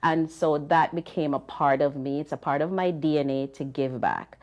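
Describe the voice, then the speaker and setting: A woman's voice: low voice, normal speed, darkish tone. A Jamaican woman speaking as a panelist in casual talk, with frequent ums.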